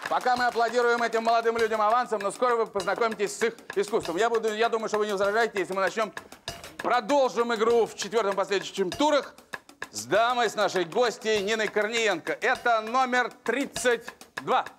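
A middle-aged man with a high-pitched voice works as a bingo caller on a TV lottery show. He announces numbers and prizes like a theatrical showman, stretching out his words. Music plays behind him in the studio. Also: quick pace, fairly bright tone. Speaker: TV lottery game show host. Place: TV studio with seated audience.

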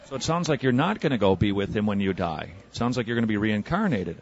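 A man debating religion on the street as an evangelist and radio host, pressing with quick probing questions. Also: fairly low pitch, sing-song, darkish tone, lo-fi sound. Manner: probing, rapid-fire questioning. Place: outdoors on a city street.

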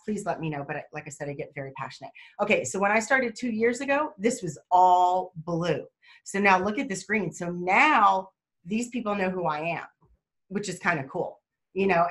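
A woman, talking excitedly and chattily on a video call about her mobile notary work, often laughing and rambling. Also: fairly low pitch. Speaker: mobile notary guest speaker. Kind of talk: excited casual webinar talk.

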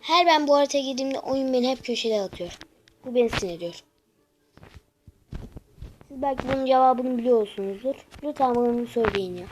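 A young woman giving casual gameplay commentary, talking straight to her viewers with frustrated, excitable outbursts. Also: high voice, a little fast, pauses often, a little hiss or hum, low-quality recording.

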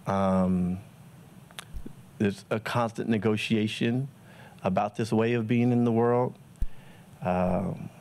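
Low-voiced man giving a reflective talk. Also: darkish tone. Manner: casual, thoughtful, many fillers and pauses. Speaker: guest speaker. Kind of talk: personal reflective talk to an audience.

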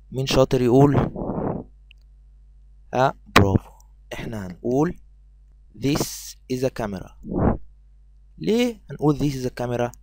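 A man's voice: medium pitch, no room sound. A man with an Egyptian Arabic accent teaching English to young children in a recorded lesson. He explains patiently, stretches out the English words and quizzes his pupils.

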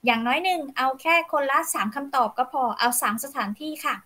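A woman's voice: high-pitched, expressive, fast, sharp tone. A woman teaching an English pronunciation lesson to children, patiently coaching each sound.

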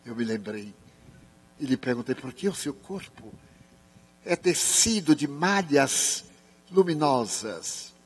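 A man's voice: medium pitch, slow, pauses often, breathy edge. An older man from Brazil, giving a spiritist seminar talk and telling stories, acting out the voices of people in them. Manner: expressive storyteller, acts out voices. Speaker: spiritist speaker. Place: large sports and culture center hall. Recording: long reverb of a large hall.

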